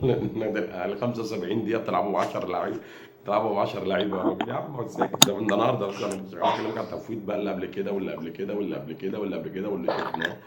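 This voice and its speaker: A low-voiced Egyptian football fan with an Egyptian Arabic accent rants to camera, taunting and mocking rival fans. His delivery is fast, repetitive, and animated, recorded in an echoey room with background noise.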